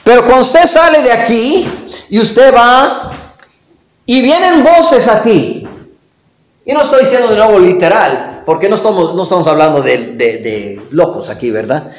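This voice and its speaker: A man's voice: sits high, animated, moderate pace, reverberant. A man preaching a sermon as pastor. He reads scripture aloud, then turns to the listeners with emphatic, rising exhortations.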